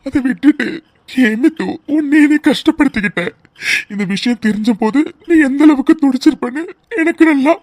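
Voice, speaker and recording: This is tearful cartoon-drama voice acting: a woman plays a loving young husband, her fairly high voice tender and begging. The tone leans darkish, and the recording is close-miked and completely dry.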